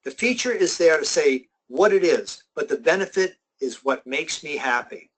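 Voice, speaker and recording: A middle-aged man giving a sales training webinar, emphatic and slowing down to stress his key points. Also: on the high side, expressive, slight background noise, rough recording. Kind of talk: motivational webinar presentation.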